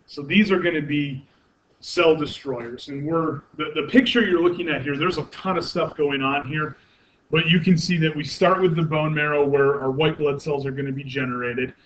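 A man's voice: a little high, moderate pace, a bit bright. Man lecturing, muffled lo-fi recording. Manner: explanatory, frequent fillers and self-corrections; asks the class questions. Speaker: university anatomy lecturer. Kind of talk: classroom lecture. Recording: muffled lo-fi classroom recording with faint noise.

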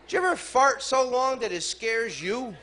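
Brash, foul-mouthed comedian with a high voice. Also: male voice, big pitch swings, moderate pace, bright, forceful tone, a faint crowd. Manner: brash, profane, teases the audience. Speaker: stand-up comedian. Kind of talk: stand-up set. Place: comedy club stage. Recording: live club recording with room noise.

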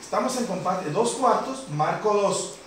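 A man with a high-pitched voice teaches a beginner keyboard class, explaining step by step and often checking in with a questioning "¿sí?". He sounds far from the mic in a very echoey room, with a keyboard playing clearly in the background. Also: lively intonation, normal speed. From Colombia. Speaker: piano instructor. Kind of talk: classroom lesson. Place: community center classroom. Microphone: far camera. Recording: roomy echo, distant mic. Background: piano keyboard playing.

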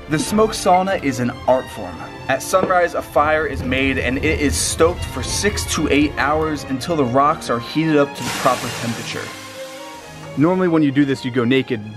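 A young man narrating his travel vlog with excited energy, partly outdoors in winter and inside a sauna. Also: medium pitch. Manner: enthusiastic, excitable, shouts and laughs in the cold. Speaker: travel vlogger. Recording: vlog with clear background music.

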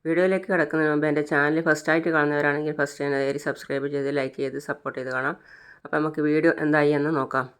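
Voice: mid-range voice, flat delivery, racing, fairly bright tone, smooth. A vlogger with a Malayali accent retelling a TV serial episode in a plain storytelling way.

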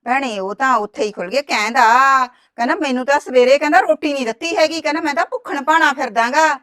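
A woman's voice: high voice, fast talker, fairly bright tone. An actress playing a sly, meddling village woman who stirs up trouble, speaking. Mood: wheedling. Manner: wheedling, reports others' words. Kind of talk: village drama dialogue.

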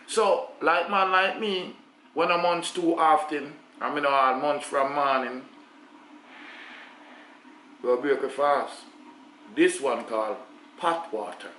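A middle-aged Jamaican man hosts a casual cooking vlog from his home kitchen, chatting to a camera set on the counter and dropping in patois asides. His voice is a little high with a sharp tone. The room echoes and the recording is rough.

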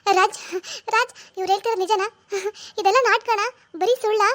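A woman's voice: very high-pitched, steady tone, quick pace, darkish tone. A woman voicing a heartbroken young wife in a cartoon, tearful and resigned. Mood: shocked. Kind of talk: animated cartoon dialogue.

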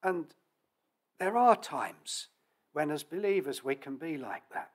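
A middle-aged man preaching an expository sermon at a church lectern, measured and earnest, asking his listeners questions. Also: on the high side, lively intonation. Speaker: pastor. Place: church hall, indoors.

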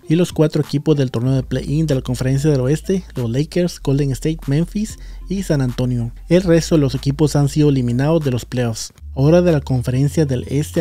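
Guy in his 30s doing a sports vlog, fairly high voice, walks thru standings slow and steady, close studio mic, faint music behind. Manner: steady, methodical rundown of results. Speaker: basketball channel host. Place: small room indoors. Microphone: studio mic on boom in front of face.

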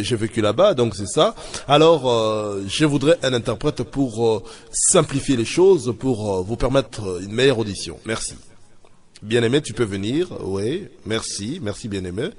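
A man's voice: mid-range voice, a little mellow, lightly acted. A man playing a flustered visiting preacher from Paris who hesitates with many fillers. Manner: hesitant, lots of fillers, grows exasperated. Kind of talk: sketch comedy acting.

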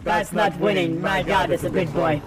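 A high-pitched man in his thirties calls out a game live over a headset microphone, jumpy and profane as he chatters to himself and his viewers. Faint music plays underneath. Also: moderate pace. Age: 30s. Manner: excitable, swearing, talks to himself and chat. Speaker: streamer. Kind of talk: gaming livestream commentary. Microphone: livestream headset mic.

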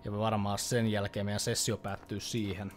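A man's voice: lowish voice, level tone, soft background music. A young Finnish man commentating a horror game as he plays, chatty and easily startled, swearing when scared. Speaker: let's play host. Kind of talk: live gameplay commentary.

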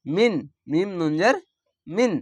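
A man's voice: sits high, lively intonation, takes it slowly, no echo. A young man from Bangladesh with a Bangladeshi Bengali accent, teaching Quran reading by spelling each word letter by letter and drawing out the recited words, recorded close to the mic. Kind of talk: slow spelled-out recitation lesson.

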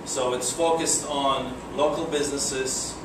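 At a breakfast meeting in a conference room, a young Polish-accented guest speaker addresses a seated audience in a medium-pitched, steady and unhurried voice. The casual talk is hesitant and full of fillers and restarts. Recorded from a distance in an echoey room, it carries an air conditioning hum.

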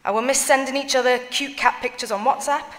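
A woman reading written family tributes aloud at a funeral service, in a measured, solemn way. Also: sits high, steady tone, fairly bright tone. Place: church. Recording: long church reverb.

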